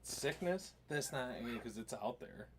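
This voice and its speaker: A man's voice: mid-range voice, animated, normal speed, a little hiss or hum. Dry-witted podcast co-host, man. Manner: short dry interjections. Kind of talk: casual hunting podcast chat.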